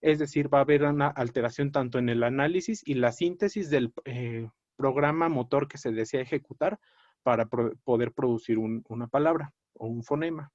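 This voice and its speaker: A man lecturing on a clinical topic in a measured, explanatory way, often pausing on fillers and correcting himself mid-word. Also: medium pitch, a little mellow, no echo. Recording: dry, dull lo-fi audio.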